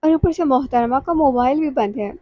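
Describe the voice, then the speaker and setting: A woman's voice: sits high, no echo, muffled recording, close to an everyday voice. A woman reading the lines of a blunt young friend who fires off scolding questions.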